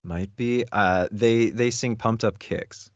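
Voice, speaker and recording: Man, low voice, relaxed and self-deprecating, dull dry lo-fi sound. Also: slow pace, dry recording. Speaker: voice actor guest. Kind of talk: casual interview chat.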